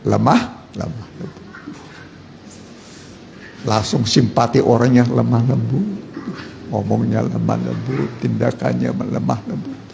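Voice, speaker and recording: A male pastor with a gravelly, creaky voice leads a lively sermon, firing questions at the congregation and repeating key words back. The sound carries a long church-hall echo and a faint background hum. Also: medium pitch, measured pace, pauses often. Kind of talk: interactive sermon with call and response.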